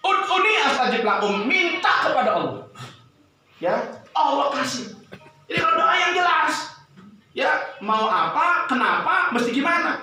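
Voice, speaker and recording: High-pitched, shouting man in an echoey hall. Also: measured pace, distant mic, slight background noise. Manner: energetic, often shouting, acts out quoted prayers in a hushed voice. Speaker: preacher and business motivational speaker. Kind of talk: rousing seminar talk to a live audience. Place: large meeting hall with an audience.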